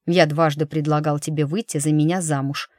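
A woman reading a gruff, blunt young male battle mage in an audiobook, speaking in a dry, matter-of-fact, grumbling way. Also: sits low, little pitch movement, a little fast, darkish tone, no echo, natural voice.

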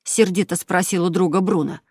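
A woman reads a children's adventure story with lively storytelling. Her voice sits lower than most women's and is recorded close and dry. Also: fairly quick, slightly rough, dry recording. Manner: lively storytelling, voicing each character. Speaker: narrator. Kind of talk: children's audiobook narration.

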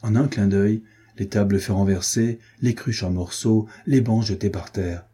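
A man reads a novel aloud as an audiobook narrator. His voice is a little low, very dark and husky, and his reading stays steady. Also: normal speed.

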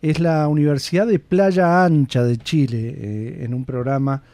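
Mellow radio host. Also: male voice, fairly high pitch, a little slow, dry recording. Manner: relaxed, hesitant with fillers. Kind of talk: radio commentary.

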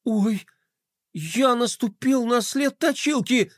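A man's voice: high voice, a little fast, dry recording, clean studio sound, pitched above the performer's own voice, close to an everyday voice. A man voicing a superstitious, jittery young boy in a children's story, who talks in an anxious, panicky way.

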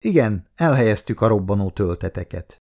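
A man's voice: lowish voice, very animated, a little mellow. A man voicing a formal, respectful commando major. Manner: formal, clipped replies.

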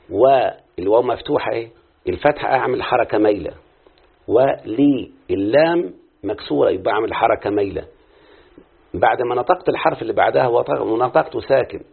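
A man's voice: mid-range voice, gravelly, slightly rough. A man with an Egyptian Arabic accent teaching a classroom lesson on prosody, speaking straight to his pupils and drawing out syllables as he explains. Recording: tinny phone-like lo-fi recording.

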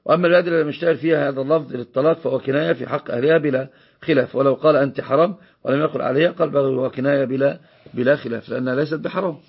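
A man's voice: medium pitch, racing, breathy edge, highs cut off. A man with an Egyptian accent teaching a religious law lesson, explaining a text and repeating key phrases for emphasis. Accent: Egyptian Arabic.

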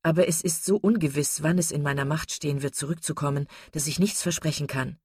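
A woman's voice: deep voice, brisk, a little mellow, husky, no room sound, studio quality. A woman voicing a serious, reserved male colonel in a read-aloud novel, formal and grave.

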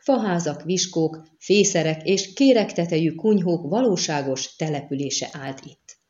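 A woman narrating an audiobook in a measured, even reading style. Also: low voice. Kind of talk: scripted narration. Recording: dull lo-fi audio.

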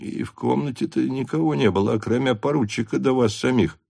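A man's voice: mid-range voice, fairly quick, vocal fry, a little mellow, voice pushed up. A man doing a grumbling old-fashioned servant. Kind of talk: audiobook character voice.

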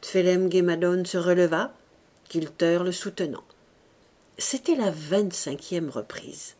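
A woman narrating a classic novel as an audiobook in a deliberate, expressive reading. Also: lowish voice.

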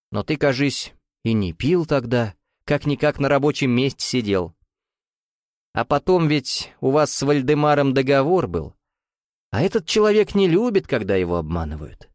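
A man's voice: mid-range voice, dry recording, studio quality, pitched above the performer's own voice. A man voicing a jovial, sly bearded Russian nouveau-riche man who teases in a folksy, coaxing way with veiled menace.

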